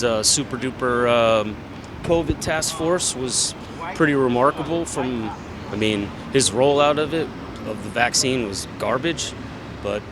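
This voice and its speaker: Blunt passerby, man, mid-pitched, many fillers, loud street noise. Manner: blunt, casual, filler-heavy. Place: outdoors on a city street.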